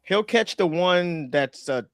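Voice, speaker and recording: A man in his forties co-hosting a sports podcast, talking in a halting, emphatic way with lots of repeated words. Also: high-pitched, lively intonation, clear, resonant tone, dry recording, clean studio sound. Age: 40s. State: out of breath. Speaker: podcast co-host and referee. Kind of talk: casual sports chat.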